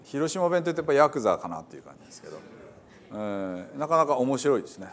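A man, a pastor, chats casually with his congregation, amused by what he is telling them. His pitch moves freely up and down. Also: big pitch swings, fast. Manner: chatty, amused, reads quotes with a laugh.

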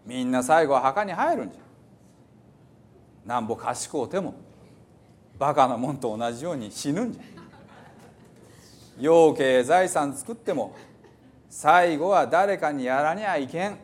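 This scripture reading has a man declaiming as a stern old psalmist in old Hiroshima dialect, emphatically warning of mortality in a solemn mood. His fairly high voice is animated, a little slow, and pauses often.

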